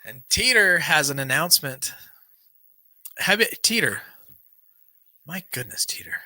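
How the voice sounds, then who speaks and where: A podcast host reads a book aloud and then chats casually and earnestly, though he's losing his voice and his throat is dry, leaving it worn. He speaks a little slowly in a fairly high, sharp-toned voice with lively intonation, recorded without echo on a large boom-arm studio mic in a small home studio with a banner backdrop.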